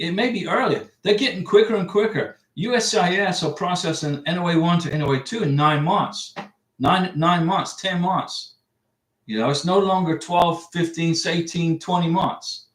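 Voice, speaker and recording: A US man giving visa advice hosts a casual livestream from home, reading viewers' comments and rambling in response. His voice sits high, his pace is moderate, and the room is echoey.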